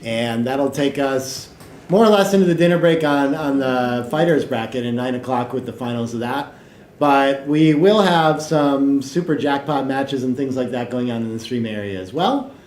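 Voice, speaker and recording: A man's voice: medium pitch, moderate pace. Chatty man commentating in an echoey room. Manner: joking, chatty, trails off quietly. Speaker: tournament stream commentator. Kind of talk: casual live-stream commentary. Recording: echoey room with some background noise.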